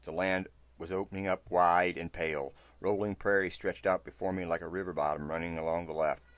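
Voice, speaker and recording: Deep-voiced man narrating a western tale. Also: no room sound. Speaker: storyteller. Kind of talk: first-person western story narration.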